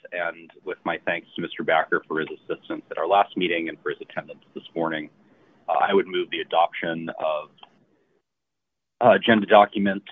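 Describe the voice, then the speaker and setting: A man speaking as vice chair in a formal commission meeting, measured and deliberate, over tinny band-limited audio. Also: low voice.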